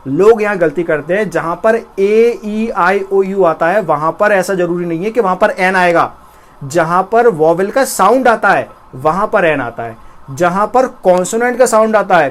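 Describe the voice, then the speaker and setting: A young Indian man teaching a spoken English lesson, explaining step by step and repeating his examples slowly. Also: high voice.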